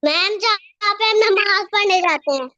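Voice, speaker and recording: A young girl in an online class, reading answers aloud slowly and carefully. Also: very high-pitched, bright, forceful tone, no echo, dull audio. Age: child. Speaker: student. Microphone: computer mic on video call.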